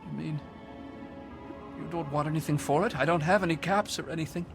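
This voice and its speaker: An actor playing a weak, humble beggar in a video game, speaking in a halting, pleading manner. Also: male voice, fairly high pitch, gravelly. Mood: amazed, grateful. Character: weak, pleading male beggar desperate for water. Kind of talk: video game character dialogue. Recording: music behind the voice.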